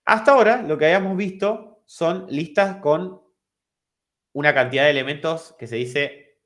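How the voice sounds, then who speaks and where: A man's voice: fairly high pitch, normal speed, fairly bright tone. A man with an Argentine Spanish accent teaching an online programming class, explaining step by step and checking if his students follow. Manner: explanatory, repeats and restarts, asks if understood.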